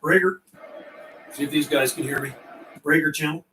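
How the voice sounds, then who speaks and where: Background noise sits behind a fairly high-pitched Canadian man speaking at a normal speed with a steady tone. As a CB operator doing casual live radio chat and call-outs, he stays friendly and informal and repeats call signs and channel numbers.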